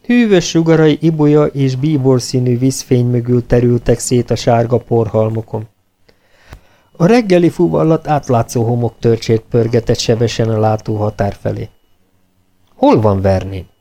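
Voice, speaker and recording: A man narrating an audiobook in a steady, measured reading. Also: medium pitch.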